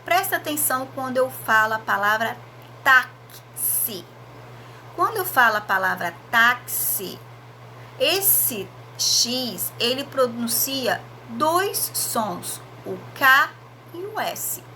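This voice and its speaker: A woman's voice: on the high side, animated, slow pace, sharp tone, a little hiss or hum. A Brazilian woman teacher giving a recorded video lesson, spelling out letters and checking in with frequent tag questions.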